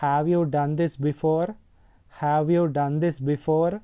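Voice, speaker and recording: A man with a Telugu accent teaching English phrases, saying each sentence slowly and repeating it. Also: on the high side, little pitch movement, warm tone, smooth. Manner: slow, deliberate repetition. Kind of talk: slow sentence drill, Telugu then English twice.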